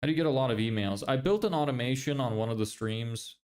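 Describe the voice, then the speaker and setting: Man, mid-pitched, casual live-stream host reading out chat questions and answering off the cuff. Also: fast, a little mellow. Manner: reads chat questions aloud, then answers loosely.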